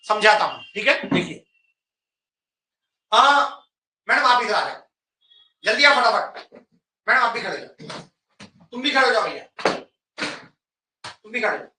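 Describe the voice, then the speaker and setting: A man's voice: extremely high pitch, expressive, normal speed, pauses often, sharp tone. A man teaching an English lesson to a class, directing students and checking in often. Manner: instructive, repeats "ठीक है?" often, directs students. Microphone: camera at a distance. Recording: echoey room, voice from far off.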